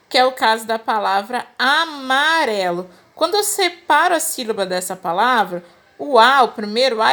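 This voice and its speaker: A woman's voice: high-pitched, fairly bright tone. A Brazilian woman teacher explaining a lesson to children patiently, step by step. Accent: Brazilian Portuguese. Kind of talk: recorded remote lesson for children.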